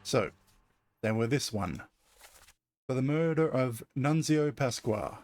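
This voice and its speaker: A man's voice: medium pitch, slow pace, a little mellow, soft background music. Man puzzling aloud over a game. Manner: puzzling aloud, hesitant, self-correcting. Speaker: streamer. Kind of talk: casual gameplay commentary.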